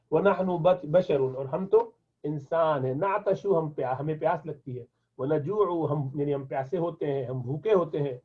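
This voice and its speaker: A man with a fairly high, husky voice teaches Arabic, reading each phrase slowly before he explains it. The sound is thin and phone-like, as if from a tinny line. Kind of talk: classroom lesson explaining Arabic in Urdu.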